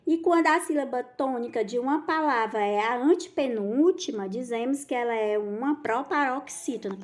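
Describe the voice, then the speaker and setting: A Brazilian woman teacher giving a recorded lesson to young children, affectionate and patient, stretching out key words as she explains. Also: high voice. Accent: Brazilian Portuguese.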